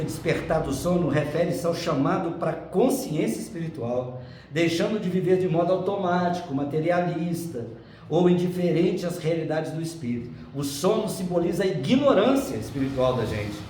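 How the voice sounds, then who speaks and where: A man's voice: fairly high pitch, a little mellow. A middle-aged man giving a spiritist lecture, chatty and playful, moving between earnest teaching and joking asides. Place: lecture hall. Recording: echoey hall from far off, faint background noise.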